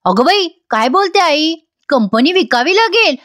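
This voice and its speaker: A woman's voice: high voice, lively intonation, moderate pace. A woman voicing a worried middle-aged mother who pleads and frets. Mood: anxious. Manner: pleading, anxious.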